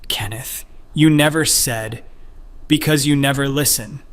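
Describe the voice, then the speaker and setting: A hurt middle-aged husband pours out years of resentment, read by a male narrator. His voice is raised and reproachful, sitting at a middle pitch. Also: a little slow, close to an everyday voice.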